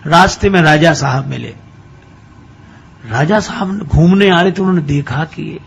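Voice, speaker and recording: A male preacher spinning a comic devotional tale in a chatty, storytelling way. His voice sits a little high and has a gravelly rasp. A faint hiss of noise runs under it. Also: fairly bright tone. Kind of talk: humorous devotional storytelling sermon.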